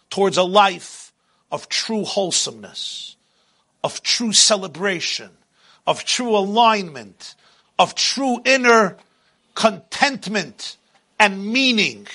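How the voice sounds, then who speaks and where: A man giving a motivational sermon as a religious speaker, with dramatic, emphatic phrasing and deliberate repetition. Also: sits high, creaky, pushed and bright, breathy edge.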